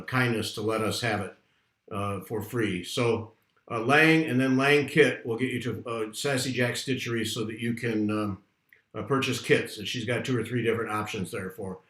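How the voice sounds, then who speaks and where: A man hosting a casual livestream chat, talking in a rambling, chatty way from a room at home that is not soundproofed, so his voice comes back with a clear room echo. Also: on the low side, steady tone, normal speed, a bit bright. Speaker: host. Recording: echoey unsoundproofed room.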